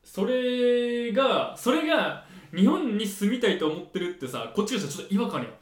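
A young Kansai man with a high voice keeps prodding with curious questions in casual chat and laughs freely, his pitch leaping around. The room echoes around him. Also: big pitch swings, a little fast, a crowd in the background. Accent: Kansai Japanese.

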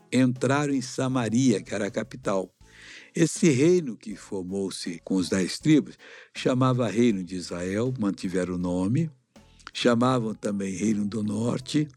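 Gravelly, dark-voiced Brazilian man teaching children. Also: medium pitch. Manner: avuncular, didactic, asks questions. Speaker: missionary Bible teacher, host. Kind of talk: children's Bible lesson, storytelling.

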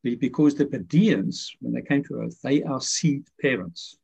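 A man's voice: mid-range voice, lively intonation, moderate pace, vocal fry, a little mellow, slightly rough. A man, a guest author, explaining his ideas in a rambling way full of fillers and restarts. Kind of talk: conversational explanation. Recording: muffled lo-fi audio.

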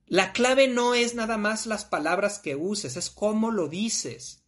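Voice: medium pitch, slow, a bit bright. Mexican podcast host, slangy and emphatic. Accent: Mexican Spanish. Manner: slangy, emphatic, acts out little quoted scenes. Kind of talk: casual podcast talk.

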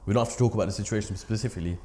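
A man's voice: lowish voice, very fast, a little mellow. A man with a London accent interviewing someone in casual, slangy chat.

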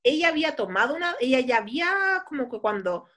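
A woman's voice: sits high, sing-song, a little fast, a bit bright. Giggly woman retelling a story. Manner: laughing often, acts out quotes in a raised voice. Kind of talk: casual chat retelling a story.

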